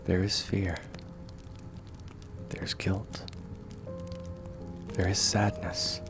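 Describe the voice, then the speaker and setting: Man voicing Kyojuro Rengoku, deep, slow, gentle warrior. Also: flat delivery, creaky, music in the background, exaggerated voice. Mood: soothing, earnest. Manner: gentle, reassuring, measured, often hushed to a whisper. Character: kind, steadfast young warrior man comforting a weary companion. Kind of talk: ASMR comfort roleplay.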